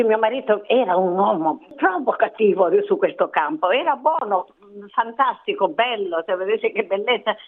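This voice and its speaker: An older woman from Italy, a radio interview guest telling stories in a lively, rambling way and acting out what people said. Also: mid-range voice. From southern Italy. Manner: lively storyteller, acts out quotes, rambling asides. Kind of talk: phone interview, reminiscing. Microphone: telephone. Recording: tinny phone line.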